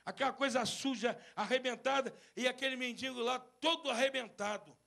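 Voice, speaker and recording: A man preaching an animated sermon at a church service, acting out stories and breaking into shouts. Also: very high-pitched, normal speed, vocal fry. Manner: mixes English phrases into his sermon. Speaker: bishop preaching.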